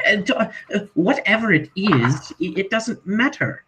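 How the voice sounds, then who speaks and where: A man's voice: high voice, expressive, unhurried, noisy background, pitched above the performer's own voice. A man voicing a theatrical, scheming doctor in a tabletop game, speaking in a grandiose, showman-like way.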